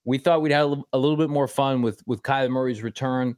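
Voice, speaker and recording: A man's voice: mid-range voice, fairly even intonation, quick pace, a little mellow, no room sound, studio quality. A man with an American accent hosting a sports talk show, speaking emphatically and repeating words for stress. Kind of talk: sports talk, reading ads and viewer messages.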